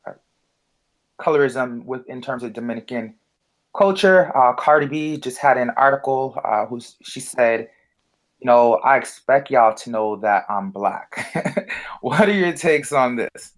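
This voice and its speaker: Speaking at a measured pace in a mid-range voice, this American man co-hosts a casual discussion show. He's hesitant, stumbling through many ums, fillers, and restarts.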